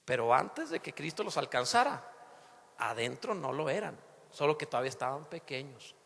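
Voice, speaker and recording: A man preaching a sermon to his congregation, lively and theatrical, acting out the voices he quotes and breaking into sudden shouts. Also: fairly high pitch, moderate pace, creaky. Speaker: pastor. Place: church sanctuary. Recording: long hall reverb in a church.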